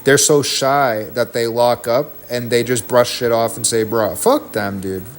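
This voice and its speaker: A man's voice: mid-range voice, fairly even intonation, unhurried, a little hiss or hum. A man streaming from home, delivering a heated, profane, rambling rant into a desk mic. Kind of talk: ranting stream talk.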